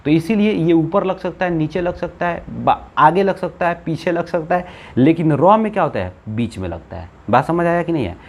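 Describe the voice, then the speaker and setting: A man's voice: fairly high pitch, expressive, normal speed, gravelly, hardly any pauses. A man with a Bihari Hindi accent teaching Hindi grammar, asking the class questions, answering them himself and repeating key points. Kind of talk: classroom-style lesson.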